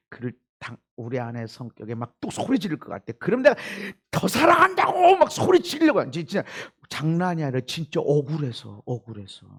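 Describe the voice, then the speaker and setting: A male pastor preaching a sermon who swings from hushed, quiet lines to loud, emphatic ones. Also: on the high side, husky. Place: church sanctuary.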